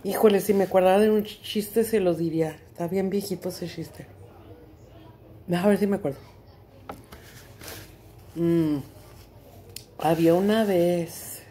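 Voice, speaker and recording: A woman's voice: fairly low pitch, a little slow, pauses often, mellow, slight background noise. A middle-aged woman with a Mexican accent, chatting casually to her viewers at home, mixing English and Spanish with crude slang and plenty of laughter. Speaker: vlogger. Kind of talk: casual chat to camera.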